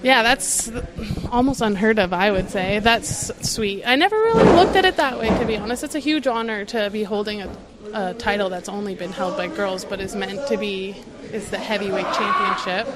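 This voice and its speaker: A woman's voice: mid-range voice, lively intonation, normal speed, heavy background noise. A young woman, a pro wrestler being interviewed, answering casually and laughing often. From Canada.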